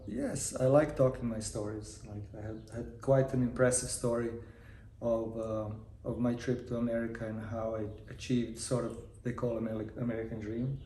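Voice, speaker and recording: Here a fifties-aged guest from Croatia, who produces and acts in films, gives relaxed, rambling interview answers full of restarts. His dark, mid-range voice stays steady at a moderate pace, captured in an echoey Los Angeles room with a little noise.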